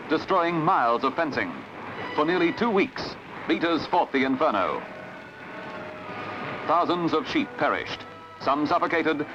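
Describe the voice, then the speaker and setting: A man with an Australian accent giving formal, dramatic scripted narration for an old newsreel. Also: a little high. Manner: formal, dramatic announcer delivery. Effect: old newsreel recording. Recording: dull lo-fi old film soundtrack with music.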